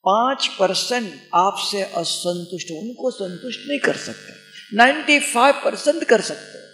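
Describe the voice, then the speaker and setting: A man's voice: sits high, lively intonation, measured pace, a bit bright. A man giving a spiritual class, asking rhetorical questions and mixing English phrases into his talk. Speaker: spiritual teacher. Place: retreat centre hall. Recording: echoey hall sound.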